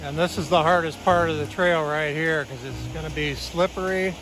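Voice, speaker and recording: A man's voice: fairly high pitch, fairly even intonation, normal speed, over music, low-quality recording. A man vlogging casually, talking in an informal, plain-spoken way. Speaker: travel vlogger. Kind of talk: casual vlog chat.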